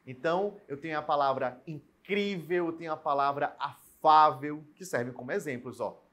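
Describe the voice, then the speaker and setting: A man's voice: fairly high pitch, moderate pace, fairly bright tone. A man teaching a recorded grammar lesson, explaining rules step by step and checking in with his students. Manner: explanatory, repeats and stretches out example words; checks in often with "né?" and "beleza?".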